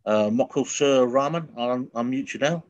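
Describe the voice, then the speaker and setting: A man's voice: medium pitch, normal speed, darkish tone, dull audio, soft background music. A man hosting a webinar in a friendly, casual way, introducing and unmuting callers. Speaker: webinar host. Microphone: video call.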